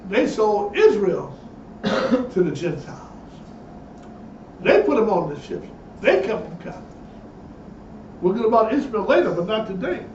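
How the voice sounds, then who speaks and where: High-voiced preacher in an echoey room. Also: male voice, slight background noise. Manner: reads passages aloud, breaks in with emphatic asides. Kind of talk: sermon with read-aloud passages. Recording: echoey, distant, dull lo-fi sound.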